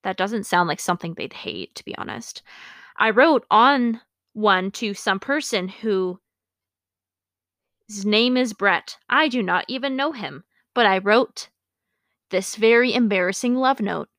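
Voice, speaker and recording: A woman reads out pages from the diary she kept as a girl, pausing to poke fun at herself with amused asides and little laughs. Her voice sits at an ordinary middle pitch. The sound is close and dry, with no room around it. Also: animated, fairly bright tone, no room sound. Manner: amused, self-mocking asides between readings; laughs while reading. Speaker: podcast host. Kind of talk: reading her childhood journal aloud with commentary.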